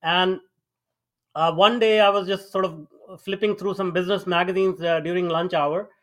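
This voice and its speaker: Guesting on a podcast, a middle-aged Indian man who founded an AI company recounts his life story in an Indian accent, stumbling through many fillers and restarts. He speaks in a high-pitched, fairly bright voice, steady and moderately paced.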